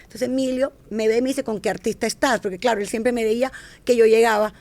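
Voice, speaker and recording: Her career stories pour out fast as this middle-aged fashion entrepreneur chats casually as a podcast guest, often starting over, fixing her wording, and dramatizing quoted dialogue. The voice is fairly high, a little mellow, and fairly even in intonation.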